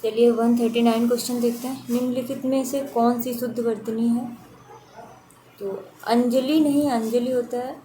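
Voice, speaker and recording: Coaching teacher, woman, raised pitch, repetitive explain-and-confirm delivery, noisy recording. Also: normal speed. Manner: steady, repetitive drilling of correct spellings. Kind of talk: online exam-prep lesson.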